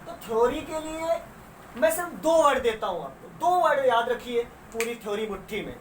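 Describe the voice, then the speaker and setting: A woman with a slightly high voice teaches a school science class, recorded from a distance. She puts questions to her students, answers them herself and draws out the key words. The room sounds spacious, with faint noise and the mic placed well away.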